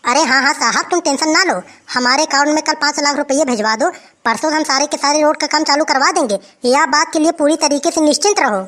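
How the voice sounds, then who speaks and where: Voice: high voice, quick pace, fairly bright tone. A voice actor doing a dismissive village headman. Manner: dismissive, offhand. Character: lazy, dismissive middle-aged village headman.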